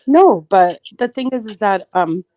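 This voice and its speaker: A woman's voice: mid-range voice, lively intonation, a little slow, dark tone, no room sound. A woman co-hosting a casual reseller livestream chat, effusive and emotional.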